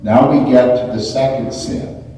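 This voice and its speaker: Slow priest in cathedral echo. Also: male voice, mid-range voice, fairly even intonation, warm tone. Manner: measured, halting, with pauses and repeated phrases. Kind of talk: liturgical Gospel reading and homily. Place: large reverberant church, away from the microphone. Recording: echoey cathedral-like hall, distant, muffled, faint noise.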